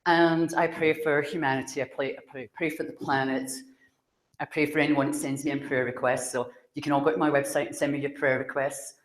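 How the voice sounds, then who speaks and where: A woman from Glasgow with a Scottish accent, giving a chatty talk to an audience as a psychic speaker, speaking loudly and laughing often. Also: sits low, fairly even intonation, a little fast, reverberant. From Scotland.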